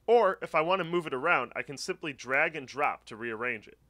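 A tutorial narrator delivers a scripted voice-over for a screen recording that walks through setting up a website step by step. His voice is a little high, animated and sharp, moving at a fairly quick pace with clear instruction.

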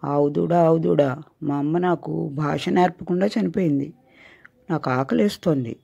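A woman's voice: sits low, normal speed, gravelly, mellow, slightly rough, heavily acted. A woman voicing a hungry, orphaned baby kitten in a tearful, plaintive way. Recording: dull lo-fi recording.

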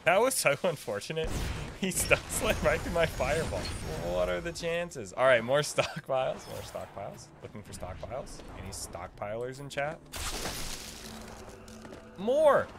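A man in his thirties, a video game streamer and guide host, gives casual, slangy, playful livestream commentary into a close desk mic on a boom arm. He's in a small indoor streaming room with game music behind him. His voice is a little high, very animated and measured, with vocal fry, and there's background noise.

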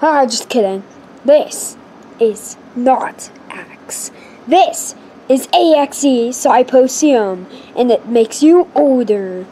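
Girl voicing a kid inventor, offhand, dismissive, slightly high voice. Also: animated, slow pace, mellow, a little hiss or hum, full character voice. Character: know-it-all inventor kid Gary, dismissive.

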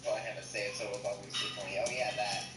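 A man teasing friends in casual gaming banter over voice chat, his voice pitch-shifted down deep. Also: flat delivery, racing. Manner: teasing, dry joking. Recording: roomy, distant voice with crowd noise.

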